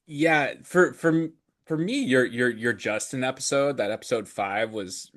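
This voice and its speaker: A man's voice: mid-range voice, measured pace, a bit bright. A man co-hosting a podcast, talking in a reflective, hesitant way with many fillers. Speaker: podcast co-host. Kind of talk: casual chat.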